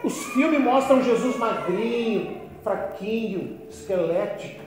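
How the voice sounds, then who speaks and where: A man pastor preaching a sermon, telling folksy humorous stories and swinging between loud emphasis and quiet asides. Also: high-pitched, expressive, takes it slowly, noisy background. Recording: echoey hall with faint music.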